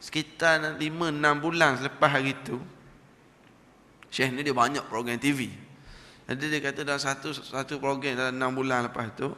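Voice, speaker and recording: A man's voice: mid-range voice, normal speed. A man giving a storytelling dawn lecture in a prayer hall, acting out the people in his stories. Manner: storytelling, animated, acts out voices. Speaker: preacher.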